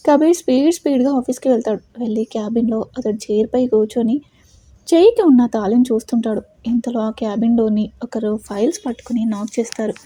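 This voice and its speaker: A woman's voice: on the high side, fast, dark tone, no echo. A woman narrating a romantic audio story in a dramatic storytelling manner.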